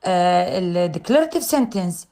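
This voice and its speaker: A middle-aged woman with an Iraqi Arabic accent lecturing on grammar. She says English terms and example sentences slowly with a rising tone and explains in fast colloquial Arabic. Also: on the low side, expressive, mellow. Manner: switches between slow careful English and fast colloquial Arabic.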